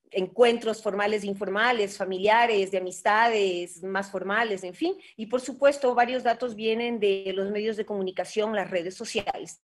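A middle-aged woman with an Ecuadorian Andean Spanish accent gives an online linguistics lecture from a home office with bookshelves, recorded on a webcam during a video call. Her mid-range voice is measured and explanatory, with frequent fillers and rhetorical tag questions.

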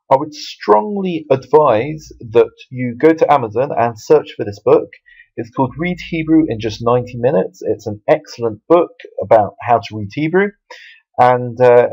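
A man's voice: mid-range voice, a little mellow, highs cut off. A man teaching Hebrew letters from a Bible verse in a video lesson, explaining patiently with fillers and restarts. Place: Jerusalem.

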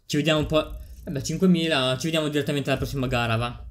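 A man giving excitable racing game commentary, repeating phrases and swearing as he plays. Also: fairly high pitch, rapid-fire. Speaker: gameplay streamer.

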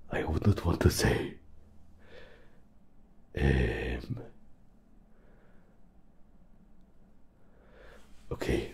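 A whispered role-play with a man as a gentle fox interrogator. The voice is extremely low and thick with creak, breathy and husky. He coaxes softly and awkwardly, hesitating as he confides. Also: full character voice. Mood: coaxing, hesitant. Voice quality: breathy, gravelly, soft.

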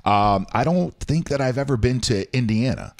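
A man's voice: medium pitch, moderate pace. A middle-aged man from Florida hosting a radio interview in a small studio, chatting casually with lots of fillers. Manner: rambling, filler-heavy, lively questioning. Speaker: radio talk show host. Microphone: studio mic on boom arm, headphones.

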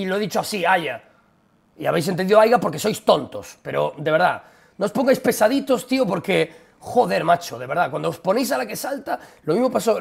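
Speaking directly to his live-stream viewers, a young man with a Spanish accent from Spain goes on a blunt, profane, exasperated rant in casual chat. He talks in rapid-fire bursts at a slightly raised pitch, his voice gravelly and creaky.

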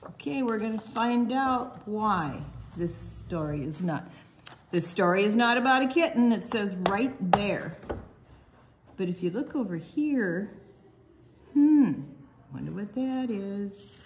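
Reading picture books and telling stories to kids, an older storytime presenter from Iowa, United States, takes her time. She sounds animated in a mid-range voice, over faint background noise.

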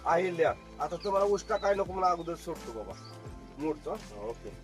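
A middle-aged magician works an outdoor farm crowd. His voice sits high for a man, and he is a joking showman who keeps calling for loud applause. Clear music plays behind him. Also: sing-song, fairly quick. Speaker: magician performing for a tour group. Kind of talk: lively stage patter with crowd banter. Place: outdoors at an agro-tourism farm.

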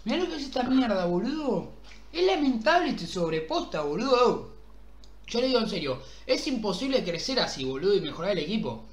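Excitable Argentine gamer, roomy sound. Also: male voice, high-pitched, brisk. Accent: Argentine Rioplatense Spanish. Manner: excitable, swearing, pleading with the game, outbursts of yelling. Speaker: gaming streamer. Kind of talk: pack-opening gameplay commentary. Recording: roomy echo.

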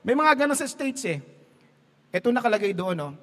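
A man's voice: very high-pitched, sing-song, brisk, fairly bright tone, in a large hall. A man preaching a sermon as pastor, mixing Tagalog and English, telling jokes and laughing at his own stories.

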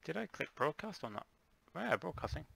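Gravelly, bright-voiced man streaming a game. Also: fairly high pitch, big pitch swings, fairly quick. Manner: distracted, sorting out his broadcast. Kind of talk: casual gaming chat.

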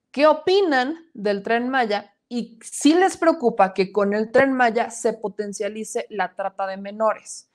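A woman in her thirties with a medium-pitched voice hosts a live-streamed news show from a small home studio. She reads viewer comments aloud and adds her own emphatic opinions.

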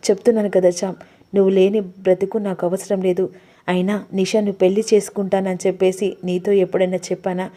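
A woman's voice: mid-range voice, flat delivery, fast, warm tone, close to an everyday voice. A woman voicing a young man in love, earnestly pleading and swearing devotion.

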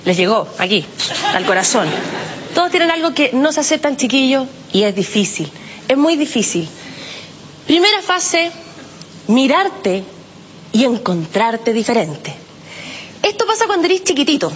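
A woman's voice: sits high, big pitch swings, measured pace, long pauses, dull audio, slight background noise. A woman with a Chilean accent doing a chatty, self-mocking stand-up comedy routine heavy on slang.

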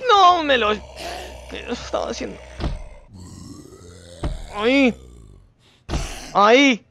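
A man streaming a survival game who yells at his character in panic, then drops into muttered play-by-play commentary. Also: very high-pitched, expressive, drawn-out words, gravelly, slight background noise. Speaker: gaming streamer. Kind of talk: excitable let's-play commentary. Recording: slightly dull lo-fi sound.

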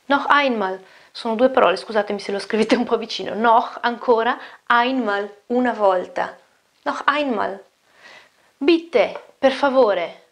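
A woman with an Italian accent teaching an online German lesson, chatty, slowing down to repeat phrases clearly and often asking "ok?". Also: fairly high pitch.

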